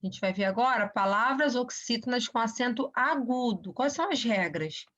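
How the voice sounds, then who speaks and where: A woman's voice: a little high, lively intonation, moderate pace, a bit bright. A woman teacher giving a recorded grammar lesson, explaining step by step and often checking in with short questions. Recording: dull lo-fi recording.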